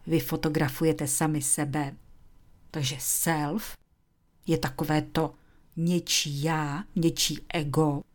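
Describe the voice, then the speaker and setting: A woman teaching English, speaking slowly and clearly, and sometimes dropping into a whisper to model phrases. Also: low-pitched. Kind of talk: slow, deliberate language lesson.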